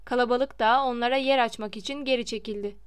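Woman reading a novel out loud, expressive storytelling, clean higher voice, dry close mic. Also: fast, clear, resonant tone, dry recording. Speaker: audiobook narrator. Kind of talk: scripted narration of a novel.

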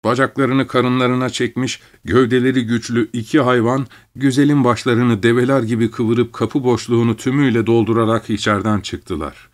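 A man narrating a literary story in the first person, reading at a measured pace. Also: mid-range voice, steady tone.

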